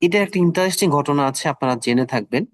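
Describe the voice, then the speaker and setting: A middle-aged man teaching an online class, who speaks slowly and repeats words so the listeners can practise. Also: a little high, animated, dry recording, studio quality.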